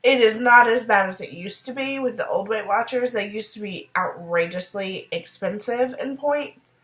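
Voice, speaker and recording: A woman chatting upbeat in a casual video diary, fighting off a cold and clearing her throat now and then, with frequent ums. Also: mid-range voice, moderate pace, a bit bright. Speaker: video diarist. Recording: roomy echo.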